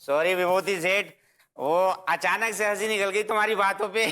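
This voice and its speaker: A cheeky young house painter in a TV sitcom. His voice is high, sharp and crisp as he teases. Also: fairly even intonation, moderate pace. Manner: cheeky, teasing.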